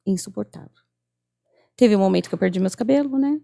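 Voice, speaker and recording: A woman's voice: medium pitch, expressive, brisk, vocal fry, warm tone. A woman in her thirties with a Brazilian Portuguese accent, telling a personal testimony earnestly as a guest in a casual chat, acting out remembered dialogue. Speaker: podcast guest.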